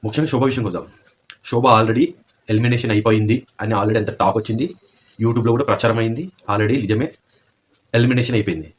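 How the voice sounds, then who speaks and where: A man's voice: lowish voice, fairly quick, long pauses. A man giving opinionated commentary, asking pointed rhetorical questions.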